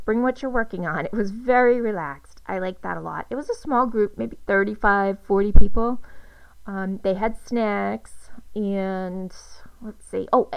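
Chatty woman podcaster, smooth dry voice. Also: mid-range voice, no room sound, low-quality recording. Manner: chatty, excitable, fast bursts. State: out of breath. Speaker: podcast host. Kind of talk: casual podcast chat.

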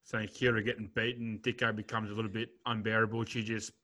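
A man's voice: on the low side, little pitch movement, fast, sharp tone. An Australian man co-hosting a casual podcast, teasing his co-host and joking around.

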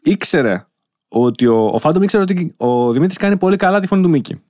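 A man's voice: on the high side, animated, a little mellow, no echo, studio quality. A man hosting a casual interview, talking in loose, rambling sentences. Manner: rambling, many fillers and restarts. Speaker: podcast host.

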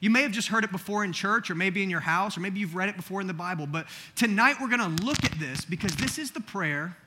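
A young man giving a youth sermon, telling a story in a casual, animated way and asking the room questions. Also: high voice, quick pace, background noise. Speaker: youth pastor.

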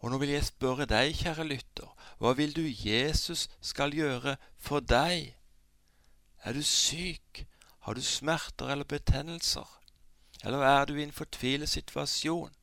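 Radio preacher, male, gravelly earnest voice, dry close studio sound, pleading prayers. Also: on the high side, sharp tone, no echo.

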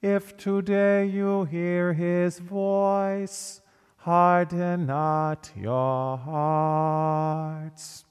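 A male priest leading Mass with measured, solemn reading and sung acclamations, his voice ringing with a cathedral echo in a large church. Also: high-pitched, little pitch movement, clear, resonant tone. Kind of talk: liturgical reading and chanting at Mass. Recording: long church reverb.

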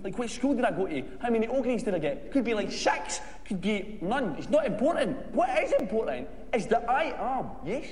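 An actor playing an amiable young Scottish slacker in a film comedy, rambling nervily and over-eagerly through a job interview. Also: male voice, high voice, sing-song, fairly quick, hardly any pauses, a little mellow. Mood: rambling, nervy. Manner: nervy, scattered, over-eager. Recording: echoey hall, faint noise.

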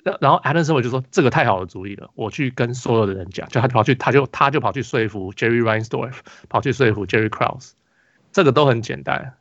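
Fast-talking man with a Taiwanese Mandarin accent. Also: mid-range voice, a bit bright, dry recording, lo-fi sound. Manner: rambling storytelling with many restarts and fillers. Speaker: podcast host. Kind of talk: casual basketball podcast chat.

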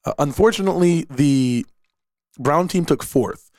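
A man's voice: on the high side, unhurried, a little mellow, dry recording, clean studio sound. A man, hosting a casual solo podcast and talking in a rambling way with repeated words and fillers. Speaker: podcast host and esports director.

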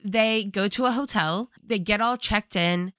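A woman's voice: medium pitch, unhurried, bright, forceful tone, dry recording, clean studio sound. A woman co-hosting a casual movie recap podcast, making wry joking asides about the plot. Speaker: podcast co-host.

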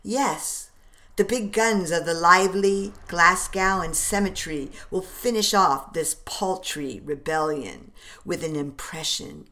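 A smooth, scheming general covering his words with ease, as a woman reads him. His voice is quiet, low and slow, gliding over the lines.

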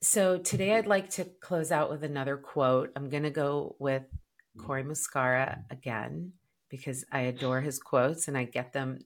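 Woman dating coach on a podcast, super low voice, rambly thoughtful chat full of "like". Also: moderate pace. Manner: reflective, many "like" fillers.

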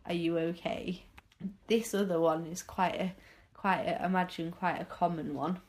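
A woman's voice: fairly low pitch, steady tone, moderate pace. A young woman in casual podcast chat, rambling and amused, with plenty of fillers. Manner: chatty, rambling, self-amused, lots of fillers. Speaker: podcast co-host.

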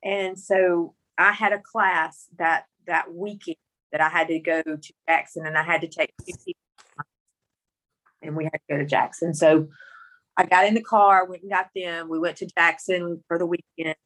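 A middle-aged woman with a Mississippi Southern country accent tells a personal story in conversation. Her voice sits a little low and has a bright, forceful edge. She speaks candidly and folksily, repeating phrases for emphasis. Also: fairly even intonation, moderate pace, rough recording. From Mississippi, rural United States. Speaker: interview guest telling her story.

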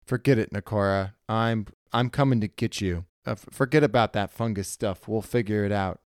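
A man's voice: on the low side, moderate pace, smooth, dry recording, clean studio sound, natural voice. A man voicing a determined female spaceship crewmate who talks in an urgent, pressing way.

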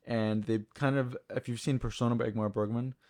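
A man's voice: mid-range voice, fairly even intonation, brisk, darkish tone. Chatty man discussing films. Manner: chatty, explains at length with many "like"s and "um"s. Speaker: podcast co-host. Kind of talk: casual film discussion.

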